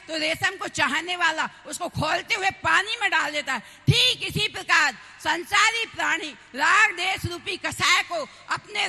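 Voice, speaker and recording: Woman, 50s, from Madhya Pradesh; fervent devotional speaker, very high-pitched with gravelly edges. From Madhya Pradesh, India. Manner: fervent, exhorting, often shouting. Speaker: celibate religious sister giving a tribute. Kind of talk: impassioned devotional speech. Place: large hall at a religious gathering. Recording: echoey hall reverb.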